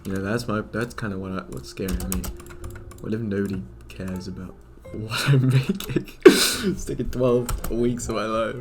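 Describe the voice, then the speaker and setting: A man's voice: on the low side, steady tone, normal speed, soft background music. A man animating at his computer, talking to himself in a rambling, fretful way with many restarts. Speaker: animator and video creator. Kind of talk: casual self-talk while working.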